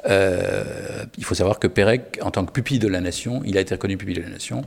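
A man's voice: low voice, fast, creaky, breathy edge, in a large hall. A man talking about literature as an editor, hesitant, with many fillers and restarts. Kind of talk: spoken literary discussion.

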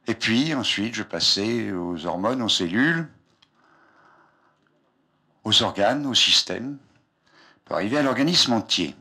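Recorded on an old archive tape, an older scientist lectures the public informally from a raised platform in a lecture hall, wandering between points and often breaking off mid-phrase. His lowish voice is expressive, bright, and forceful with a breathy edge, set at a measured pace with frequent pauses.

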